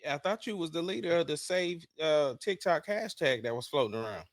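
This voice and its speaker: A man's voice: fairly high pitch, expressive, fairly quick, dry recording, studio quality. Laid-back man co-hosting a podcast. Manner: laid-back, brief replies. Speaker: podcast co-host. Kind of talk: casual podcast chat.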